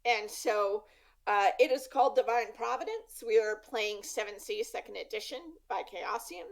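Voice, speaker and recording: A woman game master casually hosting and introducing a tabletop show in a halting, conversational way. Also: mid-range voice, vocal fry, poor audio.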